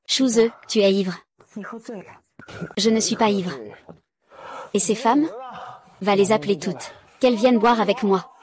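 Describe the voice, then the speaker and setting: A woman reading all the parts of a dubbed drama recap in one flat, even voice. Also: mid-range voice, a little slow, long pauses.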